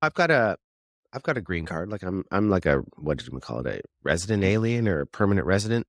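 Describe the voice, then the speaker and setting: A man's voice: low voice, very animated, fast, dry recording, clean studio sound. A man from Canada co-hosting a casual podcast, playful and given to restarts. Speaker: podcast co-host.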